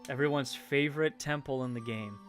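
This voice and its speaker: A man with a Canadian accent talks casually at a middling pitch as he builds a Lego set on a stream. He rambles, fills gaps with "uh" and "like," and trails off mid-thought, with faint music playing behind him. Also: a little fast. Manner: rambling, with frequent fillers and trailing off. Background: faint game music.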